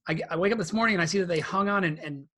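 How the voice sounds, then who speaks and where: A man's voice: high-pitched, very fast, sharp tone, a little hiss or hum. A man hosting a casual sports podcast, rambling through game recaps with lots of fillers and restarts. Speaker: podcast host.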